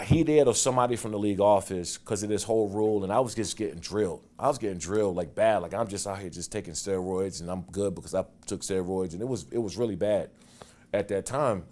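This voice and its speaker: A man in his forties telling stories from his football career in a casual interview, animated and getting loud and quick when excited. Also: on the low side. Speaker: guest, former football player.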